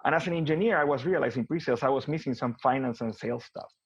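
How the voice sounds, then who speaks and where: This guest, an Argentine business consultant, speaks quickly in a normal register with a slightly rough edge, backtracking and repeating himself as he works out his thoughts. It's a relaxed, unscripted interview, and the audio is a bit muffled with no reverb.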